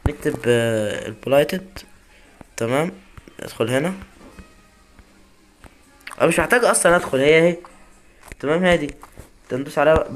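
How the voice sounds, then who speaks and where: A man's voice: fairly high pitch, a bit bright. A young man with an Egyptian Arabic accent, chatting casually to himself and his viewers as he plays. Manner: chatty, talks to himself and viewers while playing. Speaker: gaming YouTuber. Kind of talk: casual gameplay commentary.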